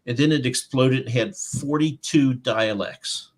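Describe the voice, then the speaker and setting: Male author guest, medium pitch, storyteller who acts out the quotes. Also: measured pace. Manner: animated anecdote-telling, acting out quotes. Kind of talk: casual interview storytelling.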